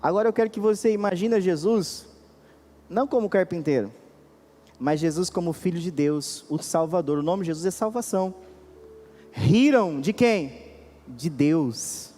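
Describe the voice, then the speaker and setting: A Brazilian man preaching a sermon as pastor, swinging between raised and hushed delivery and questioning the congregation. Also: sits high, moderate pace, big-room sound. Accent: Brazilian Portuguese. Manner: preaching with sudden rises and drops, questioning the congregation. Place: church.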